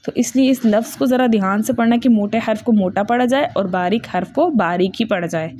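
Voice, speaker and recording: A woman's voice: fairly high pitch, mellow, a little hiss or hum. Patient woman teaching Quran recitation rules. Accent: Pakistani Urdu. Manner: patient, repeats each rule, checks with "ok?"; recites verses slowly in a drawn-out chant. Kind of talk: tajweed lesson.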